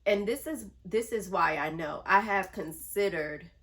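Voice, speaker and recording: A woman's voice: medium pitch, a bit bright. A woman vlogger with a nasal voice chatting casually to camera, drawing out words for emphasis. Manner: chatty, drawn-out emphasis, affectionate. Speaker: handbag collection vlogger.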